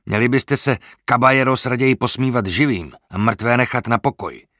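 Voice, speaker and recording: A man's voice: mid-range voice, a bit bright, no echo, studio quality, close to an everyday voice. A man doing Karmo, a furious hot-headed pirate. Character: hot-tempered pirate man, fierce and proud.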